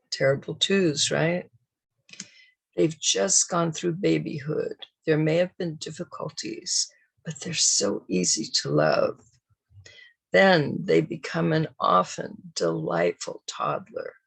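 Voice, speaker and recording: Slow, gravelly-voiced woman teaching parents. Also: deep voice, poor audio. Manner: slow, deliberate, emphatic delivery. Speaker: parenting educator and show host. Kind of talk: scripted parenting talk.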